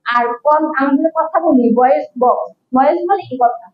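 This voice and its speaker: Casual: young bangladeshi-accented lady teacher, keeps quizzing the class and repeating terms, kinda high pitched. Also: moderate pace, lo-fi sound. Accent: Bangladeshi Bengali. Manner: explains patiently, asks questions and repeats key terms. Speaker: medical instructor. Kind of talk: classroom lecture.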